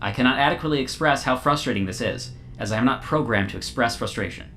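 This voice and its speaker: Man doing a polite glowing AI construct, too-smooth android manner, formal, literal, mid-pitched. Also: fast talker, faint music behind. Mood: calm formal. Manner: calm, formal, overly literal machine speech. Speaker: game master. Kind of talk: tabletop game role-play.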